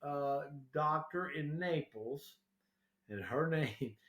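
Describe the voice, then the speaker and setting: A man's voice: on the high side, takes it slowly. A man in his sixties from South Carolina, telling his story as a guest in a casual, rambling way with lots of fillers. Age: 60s. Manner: animated, rambling, full of fillers. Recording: echoey room.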